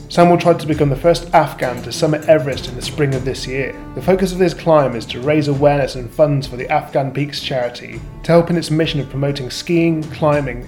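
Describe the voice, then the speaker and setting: A man hosting an interview podcast, eager and enthusiastic, often repeating words and using fillers. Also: a little high. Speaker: podcast host.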